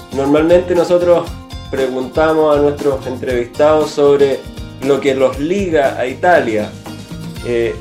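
Male radio host, interviewing, brisk, friendly, average pitch, echoey room, soft music behind. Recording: roomy studio echo, faint music behind.

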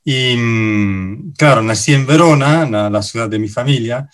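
A middle-aged Italian man, a finance director appearing as a guest, answers radio interview questions in his native Italian accent. His medium-pitched speech is halting, full of pauses and fillers.

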